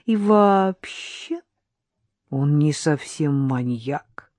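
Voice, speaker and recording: A reader voicing a stubborn, secretive young maid who snaps and teases in drawn-out, raised phrases, in an audiobook. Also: mid-range voice, big pitch swings, dry recording, clean studio sound. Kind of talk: audiobook character voice.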